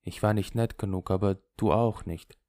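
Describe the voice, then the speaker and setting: A hurt and jealous young man, read by a male narrator in a lowish, plain voice that can flare up sharply. The audiobook recording is close and dry, with no echo. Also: steady tone, moderate pace, mellow, lightly acted. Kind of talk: audiobook character voice.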